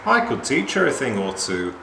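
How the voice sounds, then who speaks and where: A man's voice: medium pitch, sing-song, moderate pace, gravelly, pushed and bright, echoey room, slight background noise, exaggerated voice. A man voicing a smug, know-it-all male pig in a storybook reading.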